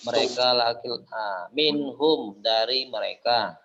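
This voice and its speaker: Slow male student on a dull line. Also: mid-range voice, fairly bright tone, a little hiss or hum. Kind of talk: reading aloud in class.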